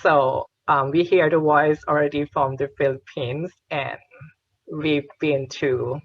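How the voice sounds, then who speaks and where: A man moderating a panel in a gentle, unhurried way, with many fillers. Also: fairly high pitch, fairly even intonation, highs cut off.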